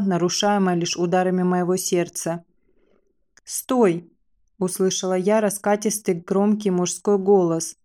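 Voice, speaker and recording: A woman reading a first-person novel aloud as an audiobook narrator, dramatic and measured. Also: mid-range voice, warm tone.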